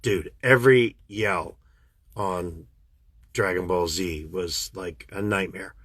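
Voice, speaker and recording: A Canadian voice actor hosts a fan livestream from his phone, chatting casually and answering questions. His voice is husky and he takes his time, yet he's chatty and animated, jumping up in pitch when excited. The recording is dry and studio-quality.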